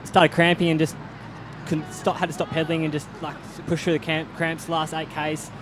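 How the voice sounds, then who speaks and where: A man, worn out after a race, answering an interview in a halting, hesitant way. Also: fairly high pitch, flat delivery. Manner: halting, hesitant, repeats words. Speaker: athlete being interviewed. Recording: noisy outdoor background.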